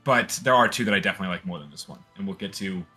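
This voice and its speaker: A man with a bright, forceful voice talks in a casual podcast chat. He rambles excitedly, restarting sentences as his thoughts run ahead. Faint music sits under the talk. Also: deep voice, rapid-fire, breathy edge. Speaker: podcast co-host.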